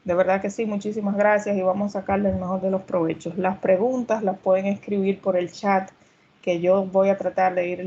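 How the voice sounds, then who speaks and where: A woman's voice: mid-range voice, mellow. Lady hosting a community call, polite and welcoming, mid voice, muffled lo-fi sound. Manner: courteous, repeats "verdad" as a tag. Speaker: community group organizer and host. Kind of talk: online meetup introduction. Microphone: computer mic on a video call. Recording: dull lo-fi video call audio.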